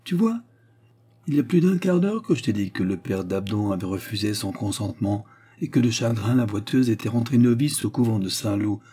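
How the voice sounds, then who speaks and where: A man's voice: lowish voice, animated, a little fast, breathy edge. A man doing a doting old mother. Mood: fond. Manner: gently reproachful, doting. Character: fond, sighing old peasant mother.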